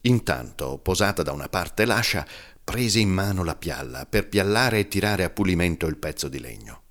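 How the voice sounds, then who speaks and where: Man, audiobook narrator, very low voice, lively pitch swings, expressive storytelling. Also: normal speed. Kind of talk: scripted narration.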